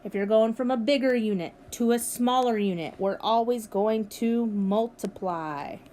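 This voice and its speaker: A woman's voice: a little high, unhurried, dark tone, a little hiss or hum. A woman teacher recording a math lesson for her students, upbeat and encouraging as she walks them through each step. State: has the hiccups. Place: at home with her dog nearby.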